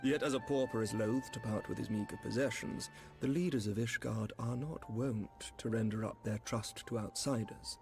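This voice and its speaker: An actor playing a courtly, measured knight commander in a fantasy game, with a smooth, snake-like voice. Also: male voice, on the low side, steady tone, music in the background. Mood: grave, measured. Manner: formal, deliberate, diplomatic. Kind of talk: fantasy video game acting.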